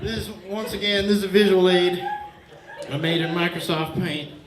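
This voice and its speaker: A man doing a loud, rambling stand-up set in a bar, mock-earnest and bantering with the crowd, a little out of breath. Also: sits high, steady tone, moderate pace. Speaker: stand-up comedian. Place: bar stage with laughing crowd. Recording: echoey bar room, crowd laughter.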